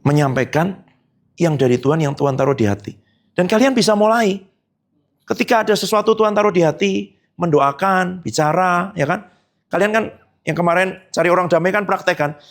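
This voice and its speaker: A middle-aged male pastor giving a conversational sermon, telling stories and acting out the dialogue in them. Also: fairly quick. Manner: storytelling, acts out quoted dialogue with big pitch swings.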